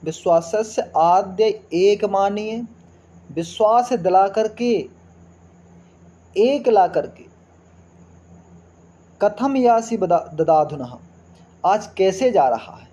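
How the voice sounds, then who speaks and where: Here a man's high-pitched, animated yet mellow voice carries a line-by-line Sanskrit lesson. He reads verses at a slow pace, then explains every word, tossing in rhetorical questions as he goes.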